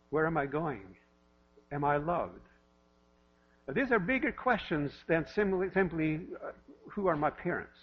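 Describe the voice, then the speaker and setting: A pastor in his fifties, originally from Norway, gives a sermon in a church with light self-deprecating humor, asking the same questions again and again. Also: on the high side. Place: church sanctuary. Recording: lo-fi with mains hum.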